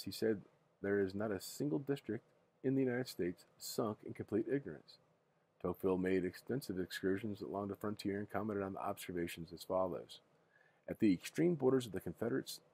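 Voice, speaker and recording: An older man with a grandpa voice reads a history book aloud in a casual bedtime manner, halting now and then and rereading words he stumbles over. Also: on the low side, mellow. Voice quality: husky grandpa voice.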